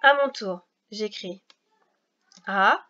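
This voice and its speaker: A woman teaching a recorded reading lesson for young children, explaining slowly, patiently and step by step. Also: medium pitch, pushed and bright, highs cut off.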